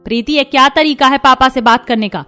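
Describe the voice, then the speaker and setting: A woman's voice: on the high side, big pitch swings, a little fast. Woman playing a strict, caring cartoon mother-in-law. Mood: scolding. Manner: scolding, firm.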